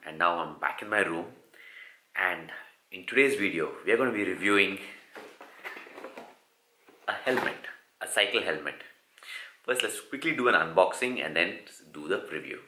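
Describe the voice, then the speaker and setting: Upbeat Indian man vlogging, low and bright. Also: expressive, normal speed, long pauses, reverberant. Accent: Indian English. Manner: upbeat, chatty, explains step by step. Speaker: cycling vlogger. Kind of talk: casual vlog narration to camera. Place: hotel room, car and street at night. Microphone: handheld camera at arm's length.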